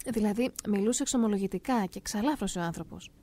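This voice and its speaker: A middle-aged woman calmly and earnestly telling a first-person story aloud. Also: medium pitch. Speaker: narrator of a personal testimony.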